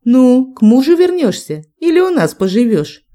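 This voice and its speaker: A chatty, playful angel, voiced by a woman with a warm, mellow tone. The voice stays light and teasing throughout, told as a storybook reading. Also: medium pitch, lively intonation, normal speed, close to an everyday voice. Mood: cheerful, teasing. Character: cheerful chatty angel of higher powers.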